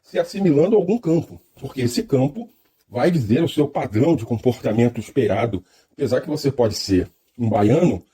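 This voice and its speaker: A man's voice: mid-range voice, animated, brisk, mellow, slightly rough. A man with a Brazilian Portuguese accent giving a reflective, lecture-style monologue, thoughtful and hesitant, often restarting his phrases. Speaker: speaker.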